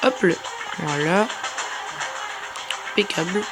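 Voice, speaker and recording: A woman's voice: on the low side, takes it slowly. A woman hosting a gaming video in casual commentary, chatty and rambling, often repeating herself. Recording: music playing behind the voice.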